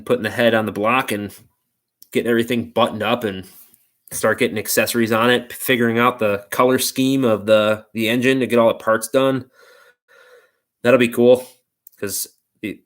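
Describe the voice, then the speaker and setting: Young male host, lowish bright voice, loose laid-back live-stream chatter full of fillers. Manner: loose, rambling, heavy on "like" and "dude". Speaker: car channel host. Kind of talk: casual live stream chat.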